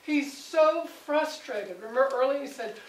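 A woman leading a conversational Bible study with a small group, animated and acting out the voices she quotes. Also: sits high, a little slow. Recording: roomy, distant mic, faint background noise.

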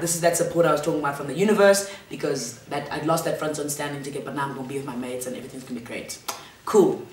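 Filmed by a fixed camera across a large living room, a young woman delivers a casual, slangy storytime vlog. Her voice is deep and loud, with slight background noise, and the mic's distance adds a roomy echo.

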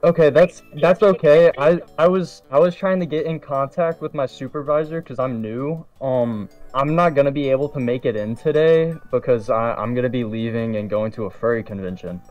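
A man's voice: medium pitch, moderate pace, hardly any pauses, darkish tone, soft background music. Hesitant man, distant and slightly dull mic. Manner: hesitant, feigned apologetic. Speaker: prank caller and co-host. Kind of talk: casual prank phone calls. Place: room at home, indoors.

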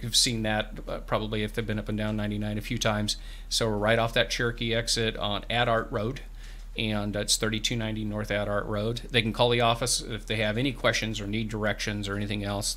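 The lowish, slightly bright voice belongs to a man in his fifties who is a farm bureau representative appearing as a guest in a small radio studio. He explains programs earnestly, often restarting his words, with a boom-arm studio microphone and headphones.

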